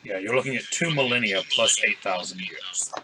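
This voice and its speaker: A man's voice: lowish voice, normal speed, noisy background. A middle-aged man narrating a tabletop game as game master over a video call from a room at home.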